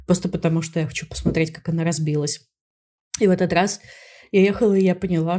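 A woman co-hosting a podcast in casual, frank, self-mocking chat, with a speech quirk that turns her r into a soft burred w-like sound. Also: lowish voice. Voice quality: burred r, pronounced like w. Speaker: podcast co-host. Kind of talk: casual chat, personal storytelling.

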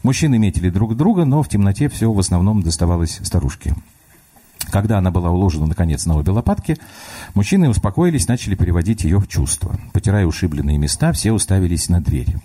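Husky, lively male storyteller. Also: sits low, fast talker. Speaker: author reading his stories. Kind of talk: humorous story reading. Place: radio studio.

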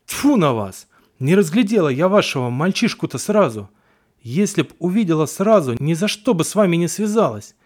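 A man's voice: fairly high pitch, sing-song, moderate pace, voice pushed up. A man voicing a stern old village healer woman who scolds and barks orders. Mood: scolding. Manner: harsh, commanding shouts.

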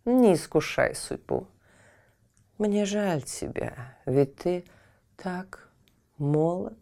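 A woman's voice: sits low, big pitch swings, slow pace, mellow, heavily acted. A woman voicing a stern, regal Queen of Night in a children's audio tale, warning a boy away from a door. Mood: grave warning. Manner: stern and commanding, turning coaxing.

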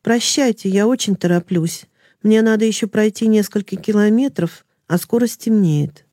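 A woman's voice: medium pitch, normal speed, mellow, dry recording, clean studio sound, lightly acted. A woman voicing a weary, mud-spattered male laborer who brings bad news and talks plainly and sympathetically. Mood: urgent.

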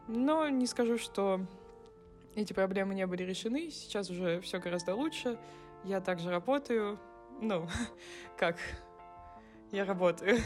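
A woman in her twenties giving a recorded personal message, rambling and correcting herself with wry humor. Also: mid-range voice. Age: 20s. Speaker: former podcast co-host.

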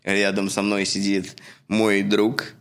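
A man in his thirties from Russia co-hosts a relaxed podcast chat. His voice sits low, and he talks earnestly, rambling along with fillers and restarts. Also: slow pace, clean tone. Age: 30s. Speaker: podcast co-host. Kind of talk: casual chat.

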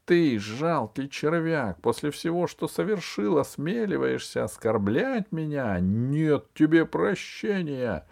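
A man's voice: fairly low pitch, steady tone, slow pace, darkish tone. A man reading as a proud dying empress. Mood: scornful. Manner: haughty, commanding.

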